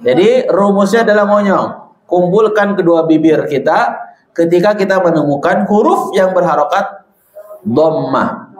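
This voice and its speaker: Man, Sundanese accent, Quran reading teacher, slow drawn-out recitation drills, echoey room. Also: sits high, animated. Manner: slow and deliberate, drawing out syllables in demonstrations. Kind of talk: classroom lesson with recitation drills. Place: room with women students.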